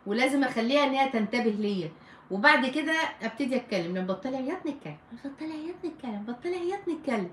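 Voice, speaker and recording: Fast-talking Egyptian woman giving firm advice. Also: fairly high pitch, a bit bright, roomy sound, a little hiss or hum. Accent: Egyptian Arabic. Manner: firm, emphatic advice with repeated warnings. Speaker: family counselor hosting a live stream. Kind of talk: live Q&A chat reading viewer comments.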